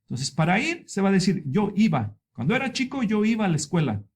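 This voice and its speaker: A male Spanish teacher explaining verb endings at a board, patient and repetitive, stretching example words out slowly for learners. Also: sits high, sing-song, husky.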